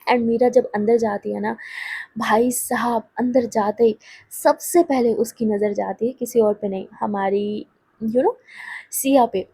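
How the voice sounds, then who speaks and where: A woman's voice: fairly high pitch, fairly even intonation, a little slow, warm tone, slightly rough. A woman telling a romance story in a casual, chatty way, speaking to her listeners directly.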